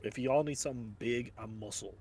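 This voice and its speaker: A man's voice: medium pitch, brisk, noisy background, natural voice. A man voicing a big, blunt male brute in a tabletop game, talking in a laid-back way. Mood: easygoing.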